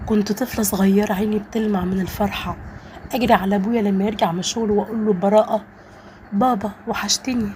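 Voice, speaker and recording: A woman's voice: mid-range voice, steady tone, racing, dark tone, slight background noise. A woman with an Egyptian Arabic accent, narrating a first-person story in an earnest, emotional way.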